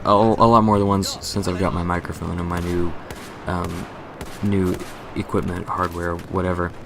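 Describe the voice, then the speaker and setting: A young man with a deep, gravelly voice hosts a gaming channel and shares a casual update in a monotone. Along the way he rambles, corrects himself and jokes, while a faint hiss or hum sits under the recording.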